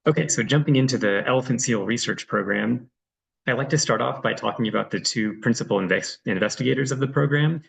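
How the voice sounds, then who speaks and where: A man's voice: mid-range voice, a little fast, gravelly, a bit bright, low-quality recording. A man giving a friendly, loose online presentation over a video call, as a reserve director, with frequent ums. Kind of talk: online presentation with screen sharing.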